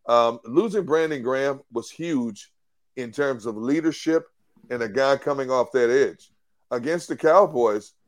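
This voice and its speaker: A man co-hosting a sports talk show, breaking down a football defense in an emphatic, analytical way with frequent restarts. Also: medium pitch.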